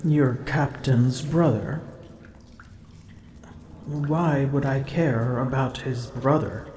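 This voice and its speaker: In an ASMR roleplay, a woman voices a haughty, drowsy, grumpy female dragon, using formal old-fashioned phrasing and often whispering, with a haughty, amused mood. Her heavily acted voice is very deep, warm, and fairly even, spoken extremely slowly, with a little hiss or hum and a roomy echo.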